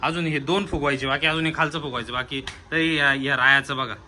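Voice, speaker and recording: A man's voice: medium pitch, fairly even intonation, brisk, sharp tone, a little hiss or hum. A man filming a family vlog at home, talking to viewers and half-laughingly scolding his children. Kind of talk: casual family vlog narration. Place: at home, indoors.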